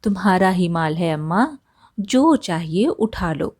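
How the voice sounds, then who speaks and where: A woman's voice: fairly low pitch, animated, slow pace, darkish tone, slightly rough, dry recording, studio quality, exaggerated voice. A woman voicing a kind-hearted village woodcutter who speaks in an easygoing, good-natured way.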